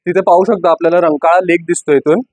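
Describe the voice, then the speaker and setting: High husky man touring a flat. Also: fast, dry recording, low-quality recording. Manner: guiding, pointing things out room by room. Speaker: real estate agent giving a property tour. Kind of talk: property walkthrough narration.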